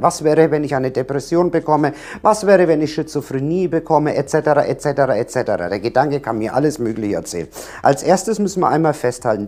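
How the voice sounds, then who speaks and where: A man's voice: on the high side, a little mellow. A man giving a direct-to-camera coaching talk on anxiety, emphatic, repeating key words and firing rhetorical questions at the viewer.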